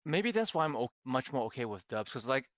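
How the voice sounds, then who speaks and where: A man's voice: medium pitch, sing-song, a little fast, no room sound. A young man from Hong Kong, a native Cantonese speaker, chatting casually and animatedly as a podcast co-host, swearing and restarting often. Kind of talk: casual chat.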